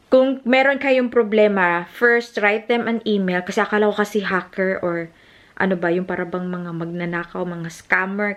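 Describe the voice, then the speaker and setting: A woman from the Philippines, talking casually to camera in a family vlog and mixing Tagalog with English. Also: medium pitch. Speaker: family vlogger.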